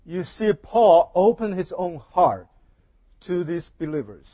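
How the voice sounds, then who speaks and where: A man preaching a sermon at a pulpit microphone in a church, speaking in short measured phrases and pausing for an interpreter. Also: high-pitched, lively intonation, dark tone, no room sound.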